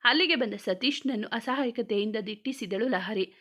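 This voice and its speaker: A woman's voice: fairly high pitch, normal speed, sharp tone. Woman narrating a romance story.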